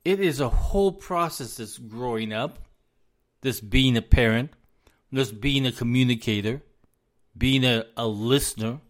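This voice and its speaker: A man's voice: medium pitch, a little slow. A man giving earnest, informal advice to parents, repeating himself for emphasis, losing his voice. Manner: earnest, repetitive, addresses parents directly. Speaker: speaker on parenting.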